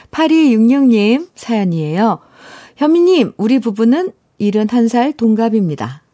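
A woman's voice: a little high, dark tone, no room sound, studio quality. A middle-aged woman hosting a radio show, reading listener letters aloud with chatty, teasing asides and frequent laughter. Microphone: studio microphone.

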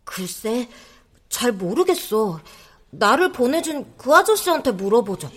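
A woman voicing the ghost of a young child in an audio drama, pleading urgently or speaking in a hushed, low tone. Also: very animated, a little slow, breathy edge, full character voice.

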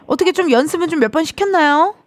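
A woman's voice: very high voice, fast talker, no room sound. A woman in her thirties hosting a radio show, chatting playfully and teasing a caller on the phone in a dry studio. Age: 30s. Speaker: radio host. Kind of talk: casual radio phone chat. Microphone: studio microphone.

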